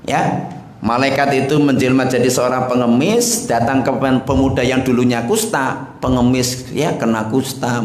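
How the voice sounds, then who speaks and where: Male preacher, mid-pitched voice, sermon storytelling, rhetorical questions, echoey room. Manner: lively storyteller, rhetorical questions, frequent "ya" and "lihat itu". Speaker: Islamic preacher.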